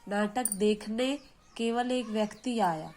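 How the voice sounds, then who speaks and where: A woman's voice: medium pitch, a little mellow, a little hiss or hum. A woman teacher giving a grammar lesson, explaining patiently and often asking her students questions. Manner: slow, patient explaining with frequent check-in questions. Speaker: school teacher.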